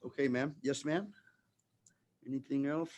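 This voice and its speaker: A man's voice: medium pitch, fairly even intonation, a little slow, a little mellow. A man chairing a public meeting as county judge, speaking procedurally and reading items aloud.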